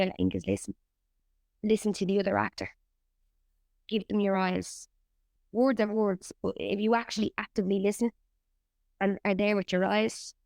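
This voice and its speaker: A woman's voice: mid-range voice, creaky, a little mellow, dry recording, clean studio sound. A woman, an actor and writer, chatting candidly in an interview and swearing freely. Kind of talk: casual interview chat.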